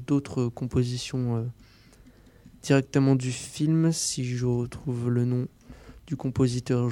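A man talks through a film review on a campus radio show, hesitating often and restarting his phrases. His voice is mellow and mid-pitched. The studio sound is dry and close. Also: smooth, no room sound. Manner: hesitant, many fillers and restarts. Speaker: film columnist.

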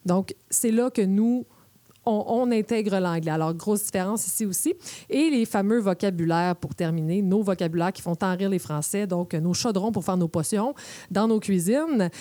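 A woman with a Québécois accent talks on the radio in a playful, chatty way, explaining with examples. Her voice is warm and mellow. The recording is dry and close. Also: medium pitch, moderate pace, no room sound. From Quebec. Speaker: radio columnist.

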